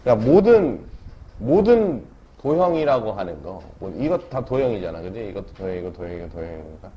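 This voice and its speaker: A man's voice: lowish voice, very animated, fairly quick, warm tone. A man teaching a math lesson in a casual way, often checking in with students as he explains. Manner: casual, keeps checking in with the class with tag questions. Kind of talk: classroom math lecture. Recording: dull lo-fi classroom recording with faint noise.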